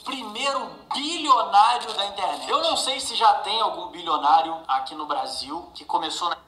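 A woman's voice: medium pitch, animated, moderate pace, pushed and bright. A woman talking casually to camera in a played clip, her voice run through a canyon-like echo effect. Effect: canyon-like echo effect added in an editing app.

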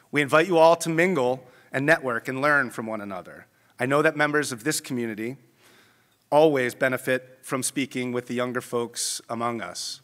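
A middle-aged man speaks at a podium microphone in a large ballroom, his measured, formal remarks trailing into a long reverb. His pitch sits in an everyday middle range. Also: fairly bright tone. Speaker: conference host. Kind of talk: prepared welcome remarks.

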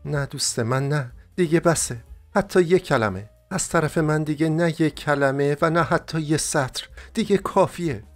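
A young heartbroken woman, voiced by a male reader, rises high and swings widely as she pleads. Her tender, tearful lines carry an audiobook's intimacy. Soft music sits faintly underneath. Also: expressive, few pauses. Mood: distraught. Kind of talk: audiobook character voicing.

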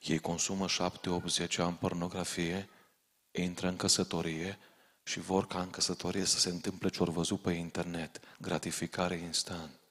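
Male preacher with a low, deep voice, urgent and warning, recorded in a reverberant church hall. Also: little pitch movement, a bit bright. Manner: urgent, direct warnings to the congregation. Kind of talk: sermon.

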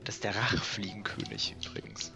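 Gravelly-voiced man commenting on a game. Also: low voice, very animated, fairly quick, music in the background. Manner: chatty, muttering, swears and laughs. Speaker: let's play gamer.

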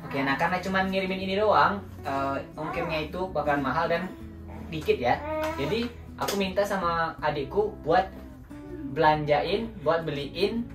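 In a small room at home, a young man from Indonesia talks to his audience in a laid-back vlog, calling them "guys" again and again. His voice sits a little high and moves at a moderate pace, captured in a roomy, far-off recording over background music.

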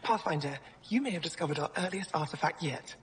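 A woman's voice: deep voice, animated, fast. A thoughtful female alien who curates a museum in a video game. Her voice rings with long reverb. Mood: awed, intrigued.

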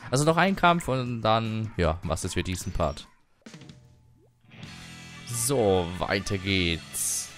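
A man giving casual commentary while playing an online shooter, excitable, humming and swearing at times. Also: lowish voice, takes it slowly, pauses often, soft background music. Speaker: gaming livestreamer.

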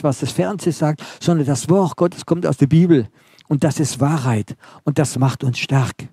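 A male preacher with a mellow, somewhat raised voice delivers a sermon. His delivery is emphatic, built on short repeated phrases, often sinking to a hushed intensity. The sound is dry and close. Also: a little high, breathy edge, no room sound.

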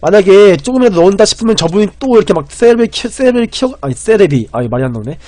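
A man streaming and commentating a game, rambling and excitable, swinging between loud panic and quiet muttering. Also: sits high, rapid-fire, dry recording.

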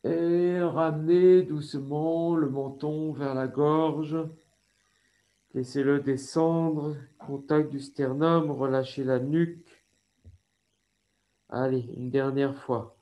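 A man with a French accent leading a yoga class over a video call, giving slow, calm instructions with breathing cues. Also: fairly high pitch, highs cut off. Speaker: yoga teacher.

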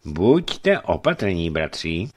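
A man's voice: low voice, very animated, slightly rough, full character voice. A man voicing a stern, cunning disguised priest who gives curt, authoritative orders. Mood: warning.

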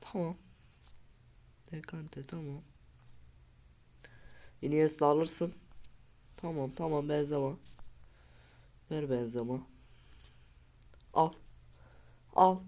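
Excitable man reacting to his game. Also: a little high, slow pace, long pauses. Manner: excitable, frustrated outbursts at the game; urges and pleads at his players. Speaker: gaming video creator. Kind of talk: casual gameplay commentary.

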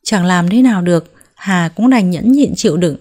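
A woman narrating a family drama story in a calm, measured, emotive reading. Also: fairly low pitch.

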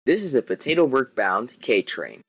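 A man's voice: medium pitch, big pitch swings, normal speed, breathy edge, no room sound, faint music behind. A man reading scripted subway station announcements in clipped, formal phrases, like an automated system.

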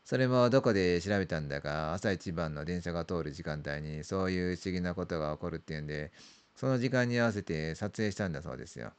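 A man's voice: low-pitched, quick pace, smooth. A middle-aged man narrating a creepy ghost story in the manner of a veteran storyteller, drawing out words, repeating phrases and letting sentence ends trail off. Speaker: amateur ghost story teller. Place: small dark room indoors.

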